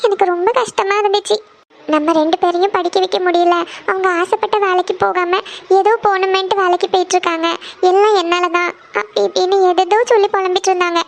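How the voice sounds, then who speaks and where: A woman's voice: very high voice, fairly even intonation, fast talker, creaky. [name], a woman voicing a tearful cartoon big sister. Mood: tearful, worried. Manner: tearful, pleading, dwells on family hardship. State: crying. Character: worried young woman, eldest sister of a struggling family. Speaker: elder sister who gives tuition lessons.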